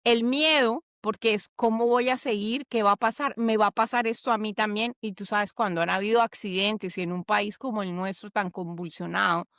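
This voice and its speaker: A woman's voice: mid-range voice, fairly even intonation, normal speed, few pauses, a bit bright, dry recording, studio quality. A woman psychologist, explaining in a conversational interview and acting out the voices of people she quotes. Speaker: psychologist guest.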